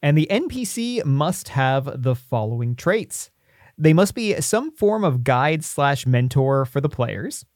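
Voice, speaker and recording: A man's voice: mid-range voice, big pitch swings, unhurried, darkish tone, dry recording. A man co-hosting a podcast, talking casually and thinking aloud as he lays out ideas on a close microphone. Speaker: podcast co-host. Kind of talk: casual podcast talk, pitching a tabletop game character.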